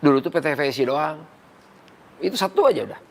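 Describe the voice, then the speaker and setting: Male trainer, fairly high-pitched, repeats and quizzes staff. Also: big pitch swings, fast talker, gravelly. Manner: repeats key points and asks rhetorical questions. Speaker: company trainer briefing staff.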